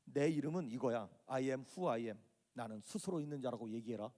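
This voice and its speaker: A man's voice: medium pitch, moderate pace, dark tone, voice pushed down, close to an everyday voice. A man voicing God as a fatherly, patient male deity, speaking plainly and reassuringly. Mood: calm.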